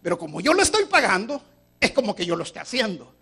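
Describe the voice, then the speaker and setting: A man's voice: high-pitched, huge pitch swings, fast, a bit bright, slightly rough, heavily acted. A preacher voicing a proud churchgoing man. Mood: smug. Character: proud churchgoing man avoiding lowly work.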